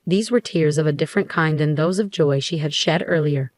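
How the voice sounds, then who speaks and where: A woman narrates a first-person story in a calm, controlled manner. Her voice sits low, and the recording is dry and close with no room sound. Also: dry recording. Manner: controlled, measured.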